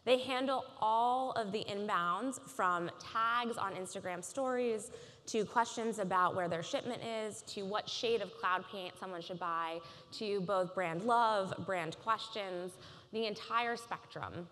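A woman in her thirties giving a polished, measured conference keynote on a large stage. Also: mid-range voice, fairly bright tone. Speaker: keynote speaker. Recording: reverberant conference hall.

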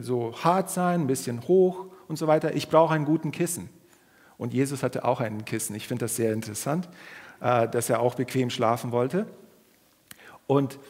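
Husky-voiced man preaching in a reverberant church. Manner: lively, dramatic, acts out quoted voices with pitch jumps. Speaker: guest preacher. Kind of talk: sermon. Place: church hall.

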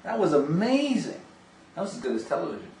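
Speaking in a high-pitched, slightly mellow voice with big pitch swings and a quick pace, a middle-aged man sells video phones. He gushes enthusiastically in casual talk, demonstrating a product and chatting on a call. The recording comes from a camera a few steps away in a small home office indoors, sounding roomy and distant with hiss.

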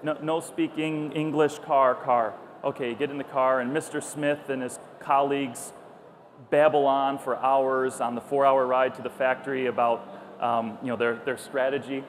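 With a mid-range voice at normal speed, a middle-aged founder delivers a conversational public talk full of stories at a conference. He's animated and acts out the exchanges he describes. The recording from his clipped lapel mic on a busy trade show stage is clear, though the hall's background noise can be heard.

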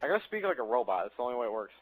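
A man casually chatting while he barks loud voice commands at a game console and laughs often. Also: medium pitch, big pitch swings, very fast, breathy edge, dry recording, poor audio. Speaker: gamer trying voice control. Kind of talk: casual gaming chat.

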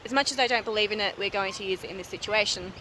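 A woman's voice: mid-range voice, very fast, pushed and bright. A woman in her thirties talking casually to a handheld camera about her farm, with lots of fillers and some frustration. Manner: chatty, filler-heavy, frustrated. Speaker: vlogger. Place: car, then outdoors on a rural property. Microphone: handheld camera at arm's length. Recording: noisy car and outdoor background.

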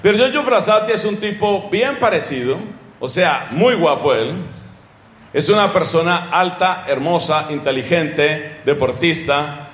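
A man preaching a sermon, teaching with rhetorical questions to his listeners in an animated way. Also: on the high side, a little slow, roomy sound.

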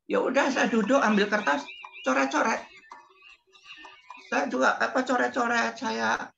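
A woman in her eighties telling lively stories with laughter as a guest on a talk show. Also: fairly high pitch, unhurried, creaky, dull audio, faint music behind. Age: 80s. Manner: lively, laughing, mimics singing scales. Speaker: guest entertainer. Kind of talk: casual talk show storytelling.

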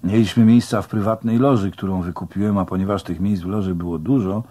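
A man's voice: low voice, steady tone, fast, mellow. A man narrating a first-person audiobook in a plain-spoken, colloquial way.

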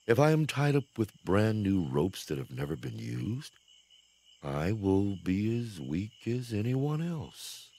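Samson, low-voiced, expressive strongman. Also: slow pace, heavily acted. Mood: sly, teasing. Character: Samson, strong male Israelite hero, teasing and proud.

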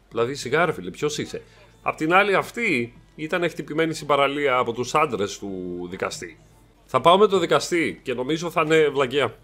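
A man's voice: mid-range voice, a bit bright. A young man hosting a gaming channel, giving playful, joking let's play commentary with some swearing.

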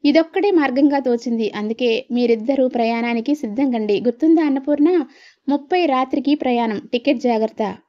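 A woman's voice: high-pitched, a little fast, muffled recording, natural voice. A woman voicing a stern, fed-up older husband who lays down the law firmly to his wife. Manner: firm, scolding.

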